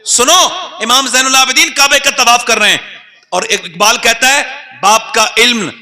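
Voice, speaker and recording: A man preaching a sermon, telling stories and rising to shouts as he leads the crowd. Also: very high voice, long reverb tail. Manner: storytelling, rises to shouting and leads crowd chants.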